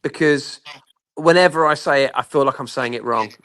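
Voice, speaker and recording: A man's voice: mid-range voice, moderate pace, fairly bright tone, dry recording, clean studio sound. A man making wry, teasing quips in a casual podcast chat.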